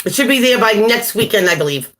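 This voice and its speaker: A woman's voice: a little high, animated, fast, fairly bright tone. A woman giving a casual live-stream tarot reading, chatty, laughing at her own jokes and greeting viewers by name. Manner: chatty, laughs at herself often. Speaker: tarot reader.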